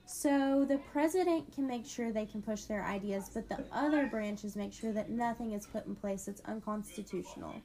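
A woman co-hosts an educational podcast, playing the curious learner in a scripted dialogue. Her voice is medium-pitched and dark in tone, moving at a moderate pace with hardly any pauses.

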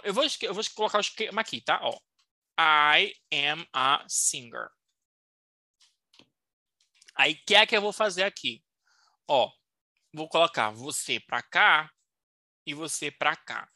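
A woman teaching a recorded English lesson in a playful, teasing, encouraging way, slowly modeling English phrases for learners to repeat. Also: lowish voice, animated, sharp tone, dry recording.

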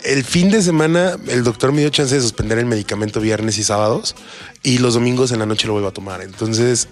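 A man's voice: mid-range voice, fairly quick, soft background music. Joking Mexican man, guest DJ. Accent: Mexican Spanish. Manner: joking, teasing. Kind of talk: casual chat.

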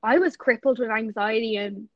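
A young Irish woman hosts a podcast chat with a high, bright voice. She talks casually and agreeably with her guest. The audio is dry and a little dull, like a remote call. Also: steady tone, moderate pace, no room sound. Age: 20s. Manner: chatty, agreeable interviewer. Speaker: podcast host.

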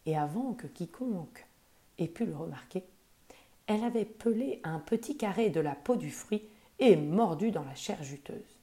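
A woman gently reading a children's wisdom tale aloud, soft and expressive. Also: lowish voice, normal speed. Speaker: storyteller.

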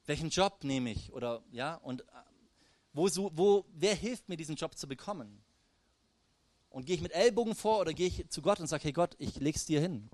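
A man preaching a sermon in a lively, direct way, often turning to the congregation with questions and calls. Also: fairly high pitch, normal speed, no room sound. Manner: lively, addresses the audience directly with "hey" and "wisst ihr".

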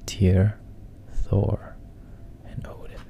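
A man with a low, monotone voice, the highs cut off, casually narrates a story again. Gravelly and breathy, he speaks in hushed, stop-start fashion and frequently whispers.

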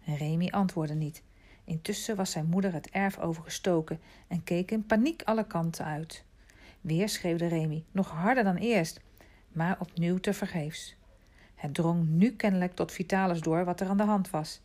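A woman reading a children's novel aloud as an audiobook, calm and measured, dropping to a hush at quiet moments. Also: lowish voice. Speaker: audiobook narrator. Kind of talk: scripted storybook narration.

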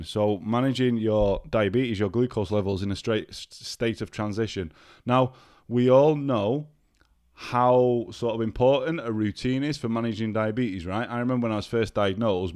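The host of this casual solo podcast has a lowish, somewhat mellow voice, captured as clean studio sound with no echo. He's chatty and swears freely, talks directly to listeners, and sounds ill and stuffed up.

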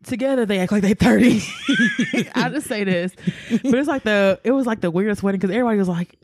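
A woman's voice: mid-range voice, fast, noisy background. A woman co-hosting a podcast in casual chat, talking loosely with slang and laughing often. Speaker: podcast co-host.

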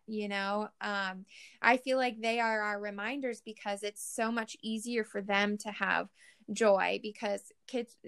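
A woman's voice: fairly high pitch, a bit bright, clean tone. A woman hosting a podcast interview, talking earnestly with many fillers and restarts. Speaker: podcast host. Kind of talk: conversational interview.

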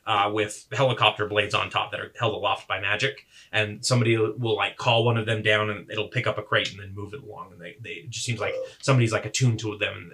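A man's voice: fairly low pitch, bright, forceful tone. A young man narrating as game master, describing scenes in a rambling way with fillers and self-corrections.

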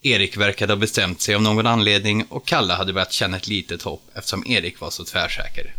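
A man reading a story aloud as narrator. His voice sits low but sounds bright and forceful. He tells it steadily and plainly.

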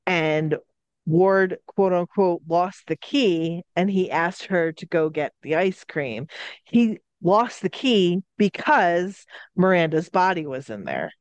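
A woman's voice: lowish voice, lively intonation, takes it slowly, dry recording. A woman co-hosting a casual podcast, telling a story bluntly, swearing freely and stressing her points. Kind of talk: casual chat.

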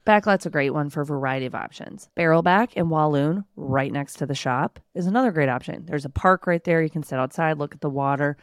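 A woman in her thirties chats on her home podcast with a low voice and a playful, teasing manner. The recording is dry and close, with no room sound. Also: a little fast, hardly any pauses, dry recording. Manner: playful teasing, animated imitations. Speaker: podcast co-host. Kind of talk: casual chat. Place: home basement studio.

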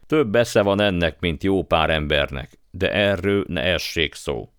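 A man voicing a gruff, practical cab driver who talks brusquely. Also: low voice, dry recording, studio quality, natural voice.

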